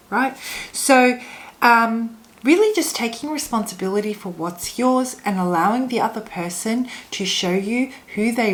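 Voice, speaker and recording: A woman reading oracle cards for viewers like a fortune teller, offering spiritual guidance in a halting, reflective, unscripted way. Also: mid-range voice. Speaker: oracle card reader.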